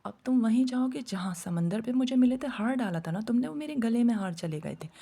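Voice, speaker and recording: A woman voicing a vengeful female sea witch spirit who makes low, menacing threats. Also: expressive, vocal fry, mellow. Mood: gloating.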